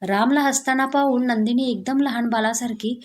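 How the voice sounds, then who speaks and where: Woman reading out a love story, steady plain narration, bit high pitched. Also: moderate pace. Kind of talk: scripted narration.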